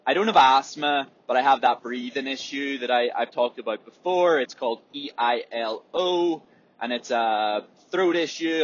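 A man with a husky, swollen-sounding sore throat, talking in a rambling, reflective, hesitant way on a casual solo podcast. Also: mid-range voice, fairly bright tone, lo-fi sound. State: sore, swollen throat, often needing clearing. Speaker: podcast host and athlete.

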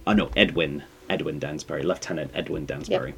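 A man narrating scenes as game master of a tabletop horror game, relaxed and chuckling. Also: quick pace, vocal fry. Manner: relaxed, chuckling, describes scenes in a low soft voice.

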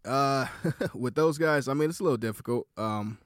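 A man guest on a podcast, soft-spoken and hesitant, talking casually with many fillers. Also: mid-range voice, moderate pace, clear, resonant tone, dry recording, clean studio sound. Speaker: guest musician.

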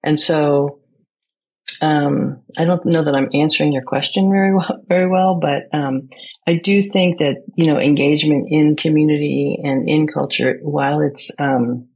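Brief: American woman guest, husky and breathy, reflective, pauses to find words. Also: deep voice, steady tone, a little mellow, low-quality recording. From United States. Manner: thoughtful, searching for words, many restarts. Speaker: guest, poet and playwright. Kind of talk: reflective conversation.

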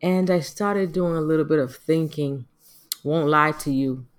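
A woman's voice: deep voice, measured pace. A middle-aged woman speaking casually and earnestly as she hosts a personal podcast, with a reflective, devout manner. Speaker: podcast host.

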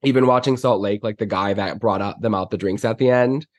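Male podcast guest, lowish stuffy-nosed voice from a cold, slangy emphatic casual chat, dry sound. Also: a little fast, no echo. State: sick, congested stuffy nose. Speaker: podcast guest, celebrity stylist.

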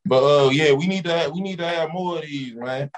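A man's voice: a little high, a little fast, a little hiss or hum. Blunt man chatting in slang. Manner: blunt, swears casually. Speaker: podcast guest. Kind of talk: casual slangy opinionated chat.

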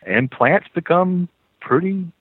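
A guest author with a Southern US accent chats casually on a podcast, telling stories animatedly and chuckling along. His voice sits high and is expressive, slow and husky. The audio is tinny, like a phone line, with no room sound.

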